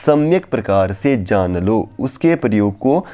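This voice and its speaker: Male Sanskrit tutor, warm dark tone, chants verses slowly then explains patiently. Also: fairly low pitch, animated. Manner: recites verses slowly, then explains in repetitive plain Hindi. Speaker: Sanskrit teacher. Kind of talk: explanatory lesson on phonetics.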